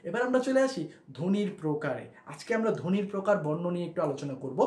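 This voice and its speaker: A man's voice: high voice, big pitch swings, quick pace, a little mellow, echoey room, low-quality recording. A man teaching a grammar lesson, who explains step by step, repeats key points and asks his listeners questions. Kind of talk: classroom lesson explaining at a board.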